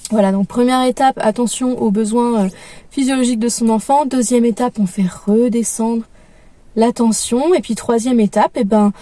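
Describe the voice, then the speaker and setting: A young mother and parenting vlogger gives casual advice in a calm, gentle way, hesitating often as she searches for words. Her voice is higher than average yet mellow and soft. The recording is dry with no echo, captured from a distance.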